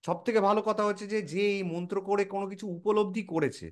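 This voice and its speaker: A man's voice: high voice, steady tone, fast talker. A man explaining in a casual chat, lecturing informally and answering his own rhetorical questions. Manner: informal, addresses listener as a close friend.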